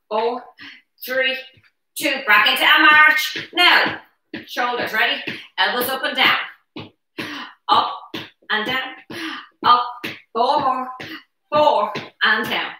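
A very bright, forceful female aerobics instructor with a high voice leads chair exercises in a live fitness class, counting reps in short, energetic, encouraging cues. She's in a brick-walled living room at home, and a camera a few metres away picks up heavy, roomy echo.

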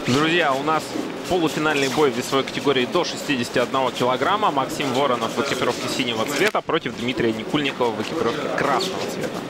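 A man's voice: mid-range voice, fast talker, few pauses. A man giving live commentary on an MMA fight, following the action as it unfolds. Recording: loud crowd noise behind voice. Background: noisy arena crowd.

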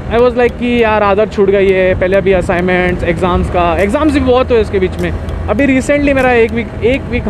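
A young man, chatting in a rambling, easygoing way while riding a motorbike on a highway and mixing in English words. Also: noisy background. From India. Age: young adult. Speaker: motovlogger. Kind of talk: casual chat while riding.

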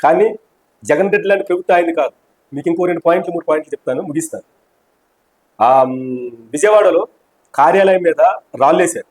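Fiery high-pitched fast-talking man. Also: darkish tone, poor audio. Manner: fiery, mocking and combative. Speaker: opposition party member interviewed. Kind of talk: heated political interview.

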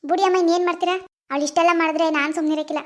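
A bossy, vengeful village woman rattles off indignant threats in a very high, quick voice, played by a woman in an animated cartoon drama. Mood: scolding. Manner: scolding, indignant, rapid.

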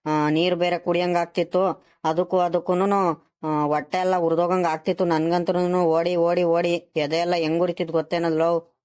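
An apologetic young schoolboy in a cartoon, voiced by a woman, speaking low and flat with a rural Karnataka Kannada accent. He pleads and explains himself without much rise or fall. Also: normal speed, close to an everyday voice. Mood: pleading. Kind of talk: cartoon voice acting.

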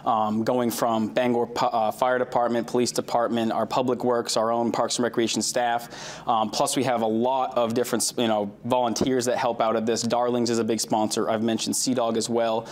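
A man's voice: mid-range voice, little pitch movement, moderate pace. A man in his thirties, a recreation coordinator, answering questions in a live TV studio interview, upbeat and informal with fillers, on a lapel mic. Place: TV news studio.

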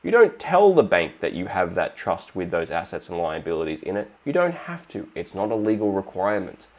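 A man's voice: low voice, fairly quick. A man with an Australian accent hosting a finance video, explaining step by step and acting out short exchanges with the bank. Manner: steady explanatory, acts out little dialogues. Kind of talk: explainer monologue.

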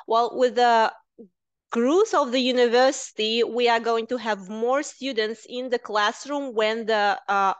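A woman's voice: a little high, steady tone, unhurried, smooth, dry recording, dull audio. A woman in her thirties, a careers manager, presenting and moderating a webinar over a headset on a video call, explaining at length with many filler sounds. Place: indoors, virtual background.

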